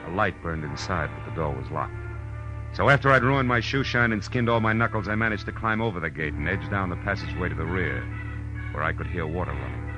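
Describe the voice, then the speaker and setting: A deep-voiced man acts out a tough, wry private eye narrating his case, terse and dramatic in the hard-boiled tradition of 1940s radio drama. The recording sounds like a muffled old radio broadcast with music.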